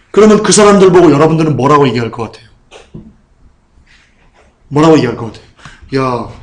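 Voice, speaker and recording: A man pastor delivers a sermon in a church sanctuary. His voice sits a little high, and the room adds a roomy echo. He talks in a conversational way, circling back to repeat his point and asking the listeners questions. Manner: conversational, repeats phrases, asks the congregation questions.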